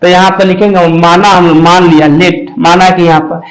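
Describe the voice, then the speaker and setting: A man's voice: high voice, little pitch movement, low-quality recording. A male math tutor, explaining a lesson step by step and checking often that students follow. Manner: slow, repetitive explaining with frequent check-ins. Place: coaching class.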